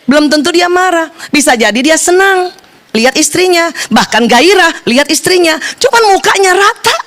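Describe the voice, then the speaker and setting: A middle-aged woman leads a seminar with a high, bright voice. She tells stories with playful animation and keeps turning to her audience with questions. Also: normal speed. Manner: playful, animated storytelling that addresses the audience directly. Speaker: seminar speaker on marriage and parenting. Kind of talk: lively seminar talk.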